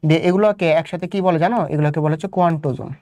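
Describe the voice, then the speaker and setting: A man's voice: fairly high pitch, very fast, dark tone, no room sound. A young man from Bangladesh with a Bangladeshi Bengali accent, teaching a biology exam-prep lesson, repeating points and quizzing students with rhetorical questions. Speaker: biology tutor.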